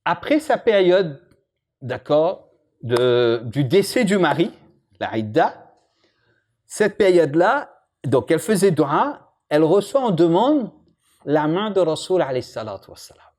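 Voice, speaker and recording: Lively man teaching a religious lesson. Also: on the high side, a little slow. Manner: lively, jokes with and questions the audience.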